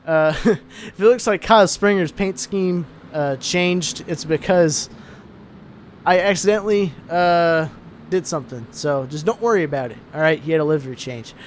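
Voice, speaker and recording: Young guy calling a sim truck race, kinda sleepy and laid-back, slightly high voice, faint hiss behind. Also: normal speed. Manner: laid-back, tired, yawning between calls. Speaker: race commentator. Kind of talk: casual sim-racing commentary.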